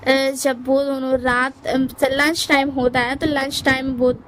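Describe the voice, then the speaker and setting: High-voiced woman casually retelling a story. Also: level tone, slow, slight background noise. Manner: rambling, many fillers and restarts.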